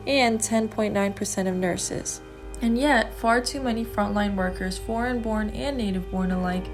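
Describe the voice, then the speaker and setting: A woman narrates a scripted advocacy piece, measured and precise through a run of statistics. Her voice carries a gravelly fry at the ends of phrases. A clear music bed plays underneath. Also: mid-range voice. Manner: measured, statistic-heavy delivery.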